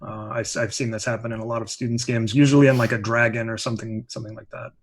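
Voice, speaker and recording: A man's voice: medium pitch, flat delivery, fast. A man giving live chess commentary in a chatty way, explaining moves with many asides.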